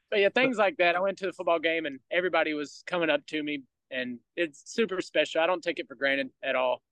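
Bright-voiced Southern man, laid-back storyteller. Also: on the high side, brisk, no echo, poor audio. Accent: Southern US, rural Georgia. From Georgia, US. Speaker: podcast guest, baseball player. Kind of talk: casual interview chat.

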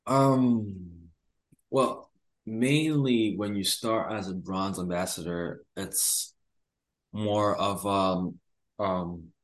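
A man's voice: deep voice, extremely slow. A young man from Rwanda, a university student, answering interview questions casually with many hesitant fillers. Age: young adult.

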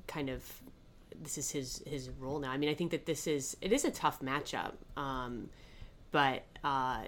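A woman's voice: extremely low pitch, moderate pace, a bit bright, slight background noise. A woman co-hosting a fantasy football podcast in casual chat, agreeable and hedging. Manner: agreeable, many backchannels, hedging.

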